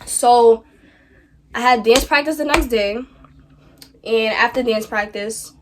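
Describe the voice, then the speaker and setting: A woman's voice: fairly high pitch, slow, noisy background. A teenage girl telling a storytime vlog, acting out the people she quotes with slangy asides. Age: teens. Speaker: vlogger.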